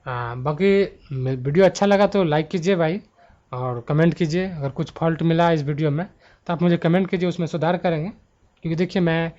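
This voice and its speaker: Sitting at his laptop at home, a man gives a grammar exam-prep lesson through a handheld mic that sounds dull and lo-fi. His slightly high, slightly mellow voice moves at a moderate pace as he reasons aloud and corrects himself.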